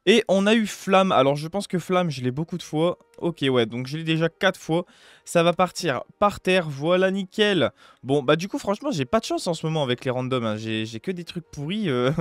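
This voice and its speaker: A man's voice: fairly high pitch, animated, fairly quick, dry recording. A young man giving casual, upbeat gameplay commentary, chatty and full of fillers, as a gaming youtuber at home on a close desk mic.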